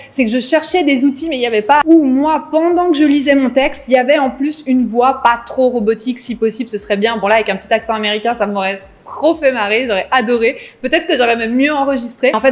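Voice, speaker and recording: A woman hosting a casual business vlog, chatty and enthusiastic, piling on superlatives as she talks to her viewers. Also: high-pitched. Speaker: business content creator host. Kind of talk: casual vlog talk to camera.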